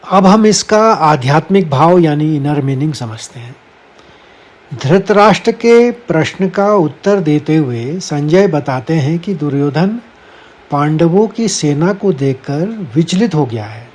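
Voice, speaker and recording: A man leads a scripture lesson at a very unhurried pace, sounding out each Sanskrit syllable with care. His voice is warm and mellow and sits a little high for a man. He talks to his listeners as friends and walks them through each verse step by step. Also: animated. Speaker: Gita teacher. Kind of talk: slow explanatory lesson.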